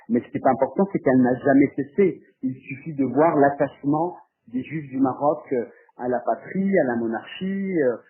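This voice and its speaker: Heard through a muffled, narrowband line resembling a phone, a French man who makes documentaries answers an interview on the spot. His medium-pitched voice has a breathy edge, and he hesitates a lot, repeating words while working out his phrasing.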